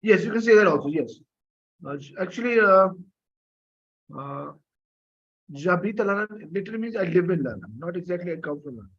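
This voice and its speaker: Husky male French teacher on a call. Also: high-pitched, lively intonation, a little fast, long pauses, a bit bright, highs cut off. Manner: patient, coaxing students, many fillers and coughs. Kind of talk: live online class lecture.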